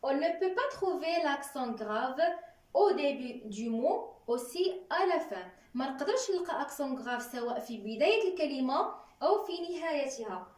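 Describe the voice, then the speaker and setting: A woman teaching a French lesson, spelling out letters and examples slowly and carefully. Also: high voice, animated, darkish tone. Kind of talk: classroom-style lesson, switching between French and Moroccan Arabic. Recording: roomy sound, voice from a distance.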